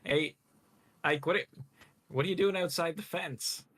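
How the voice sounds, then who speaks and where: Dude doing a wary homesteader, dry teasing, slow talker. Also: male voice, fairly high pitch, fairly bright tone, voice pushed up. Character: wary middle-aged man, cautious homesteader. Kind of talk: in-character tabletop role-play.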